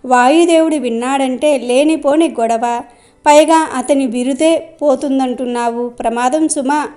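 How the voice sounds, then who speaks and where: A woman voicing a wily flattering old sage. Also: high-pitched, measured pace. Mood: coaxing. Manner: coaxing, flattering.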